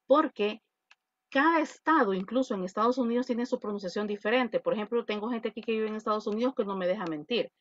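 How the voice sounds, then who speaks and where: A woman's voice: fairly high pitch, fast, lo-fi sound. A woman English teacher with a Salvadoran Spanish accent, patiently explaining an online class and repeating her points.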